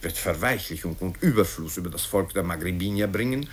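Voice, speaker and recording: Voicing a self-righteous politician attacking his rival in a satirical radio story, the man speaks low and brisk with lively intonation. His voice is slightly rough, and his emphatic declamations come across as accusing and righteous.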